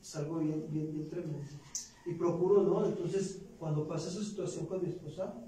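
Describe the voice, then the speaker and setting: A man's voice: a little high, fairly even intonation, a little fast, mellow, a little hiss or hum. Mexican preacher asking his church lots of questions, sounds far off in a big echoey room. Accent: Mexican Spanish. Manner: conversational preaching with rhetorical questions. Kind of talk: sermon.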